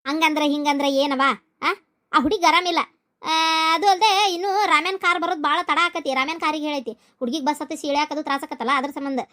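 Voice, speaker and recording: A woman with a North Karnataka Kannada accent, playing a scheming village housewife who gives hushed, bossy instructions. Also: high-pitched, steady tone, fast. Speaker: scheming homemaker in a family skit. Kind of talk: village family drama acting.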